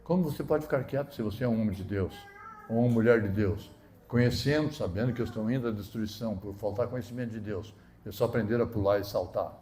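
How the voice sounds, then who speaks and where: A man preaching a sermon, shifting between loud emphatic bursts and quiet low asides. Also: fast, a little hiss or hum. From southern Brazil. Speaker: pastor.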